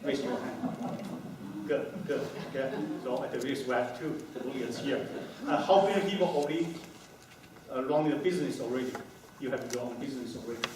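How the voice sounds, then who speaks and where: A middle-aged company founder from Taiwan gives a conference talk to a small audience in an indoor hotel meeting room, speaking haltingly in a mid-range voice with many fillers and restarts. There's no handheld mic, only a far camera, so the sound is echoey, distant, and noisy.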